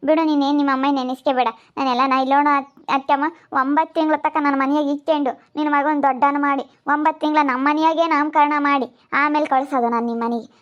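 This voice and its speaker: Woman caregiver, high and level, coaxing, lo-fi sound. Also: fairly even intonation, quick pace, hardly any pauses. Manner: coaxing, caring questions. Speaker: family caregiver.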